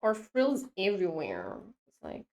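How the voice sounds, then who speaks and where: A young woman streaming while she draws, chatting casually to her viewers in a rambling, excitable way that keeps breaking off mid-sentence. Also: mid-range voice, a little slow, creaky. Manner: rambling, self-interrupting, excitable.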